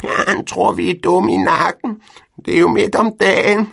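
A man voicing a flock of stubborn, nosy hens in a storybook reading, with a shrill, squawking manner. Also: fairly even intonation, vocal fry, a bit bright, husky, heavily acted. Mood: indignant. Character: hen chorus, nosy and stubborn.

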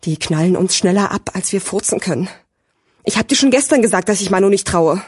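A woman's voice: mid-range voice, lively intonation, brisk, husky, no echo, clean studio sound. A woman voicing a skinny, wary fourteen-year-old boy in an audiobook, urgent and doubtful. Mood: nervous. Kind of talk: audiobook character voice.

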